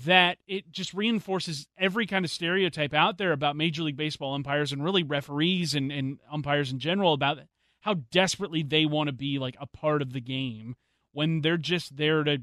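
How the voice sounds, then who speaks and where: A man hosting a sports talk show, giving his opinions in animated, casual chat on a studio mic. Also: on the high side, a little fast, dry recording. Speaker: sports radio host.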